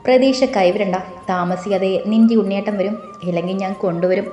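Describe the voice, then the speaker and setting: A woman voicing a calm, quietly confident young man who plays the protective big brother in an audio story. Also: mid-range voice, fairly quick, close to an everyday voice. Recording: roomy with faint music.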